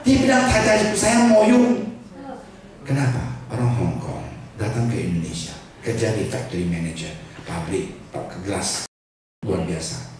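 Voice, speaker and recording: Older man preaching in an echoey hall. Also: low voice. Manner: animated, joking, mixing in English and Chinese words. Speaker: pastor. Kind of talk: sermon. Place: church hall. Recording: echoey hall from far off with congregation. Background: congregation laughing.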